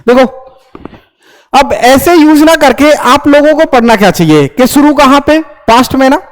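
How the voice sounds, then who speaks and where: A young man with a strikingly high voice teaches a grammar lesson. He keeps asking his students questions and answering them himself, checking again and again that they follow. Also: normal speed. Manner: lively, repeats checks like "understood?". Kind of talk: classroom lecture.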